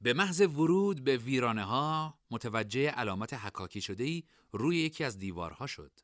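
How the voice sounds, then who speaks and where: This scripted fantasy novel narration comes from a man with a bright, forward tone whose expressive pitch moves around a middle register. The storytelling is varied and lively, and the recording is close and dry, with no room sound.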